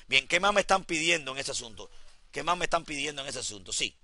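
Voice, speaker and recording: A man teaching a software class in a classroom, repeating each step and talking straight to his students. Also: fairly high pitch, animated, fast talker. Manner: repeats instructions, addresses students directly. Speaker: computer instructor.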